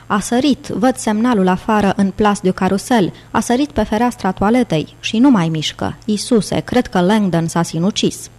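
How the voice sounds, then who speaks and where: A woman's voice: mid-range voice, few pauses, a little mellow, natural voice. A woman voicing a frantic male police lieutenant, calling out urgently over a radio in an audiobook.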